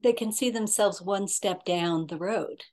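A woman hosting an interview show over a video call, speaking in a measured, appreciative way. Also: mid-range voice, darkish tone. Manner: measured and appreciative, many fillers. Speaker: host.

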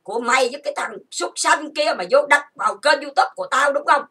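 A woman's voice: high voice, expressive, quick pace, sharp tone, far from the mic. A woman hosting her own channel, delivering an angry, accusatory rant full of insults and repeated lists. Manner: accusatory, insulting, repetitive listing. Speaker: channel host. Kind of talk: angry ranting monologue.

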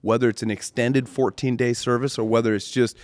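A man co-hosting a casual faith talk, telling stories with big swings in pitch. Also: fairly quick, no room sound. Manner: animated storytelling, swoops in pitch.

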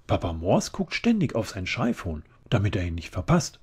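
A man voicing a small, sweet young grim-reaper boy who chats in a high voice, in a relaxed ASMR story reading. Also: normal speed, husky, heavily acted. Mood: chatty. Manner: high, chatty.

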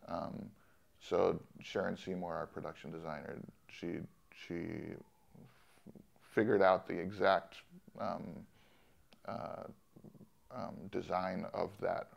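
Deep gravelly director guy, thoughtful, lots of ums. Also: little pitch movement, slow, pauses often. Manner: soft-spoken, thoughtful, with many ums and restarts. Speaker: film director. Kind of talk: interview conversation. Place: studio in Los Angeles.

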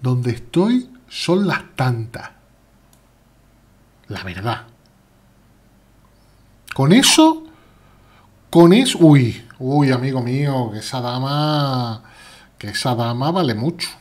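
A man speaking with a Spain Spanish accent streams live chess, playfully chatting and reading viewers' chat aloud while playing. He talks at a slow pace in an expressive, slightly mellow, medium-pitched voice.

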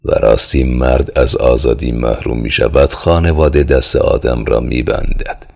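A doubtful, earnest young man, read by a man in an audiobook, speaking slowly and hesitantly. The voice is very deep, gravelly and husky. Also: steady tone, a little mellow, heavily acted. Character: young man, brooding and hesitant about marriage.

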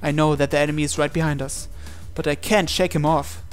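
This man has a fairly high, clean voice with a level tone, and he moves briskly. He's a let's player giving a dramatic read-aloud of a visual novel's on-screen text over background music.

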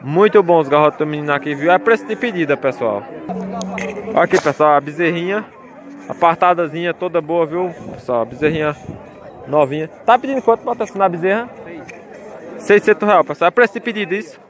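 A man, fairly high in pitch and fairly quick, films a walkaround of outdoor cattle pens on his phone while touring a cattle fair. Chatty and repetitive, he keeps addressing his viewers with the same call-outs as the market crowd chatters.

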